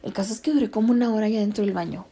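A young woman vlogger with a medium-pitched, slightly breathy voice tells a story very fast. She's chatty, slangy, and animated in the retelling, slipping English words into her speech.

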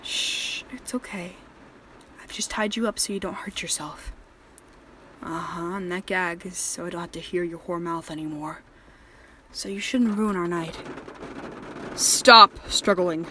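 This woman's medium-pitched, natural voice comes a little slowly with long pauses, over a faint hiss or hum. Voicing a possessive, volatile male killer in an erotic horror audio drama, she sounds softly menacing and controlling, shifting from quiet threats to rage.

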